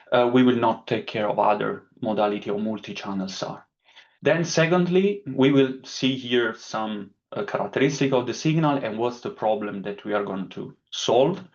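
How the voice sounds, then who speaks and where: Italian man lecturing over a call. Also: mid-range voice. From Italy. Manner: careful, explanatory, with frequent fillers. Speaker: webinar speaker. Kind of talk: technical online lecture. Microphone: video call. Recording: dull lo-fi call audio.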